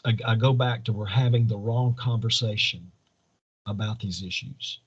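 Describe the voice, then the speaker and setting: Guy running for office, husky voice, preachy earnest interview answers, kinda muffled audio. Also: on the low side, steady tone, normal speed. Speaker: political candidate being interviewed. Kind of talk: campaign interview answers in speech-like statements.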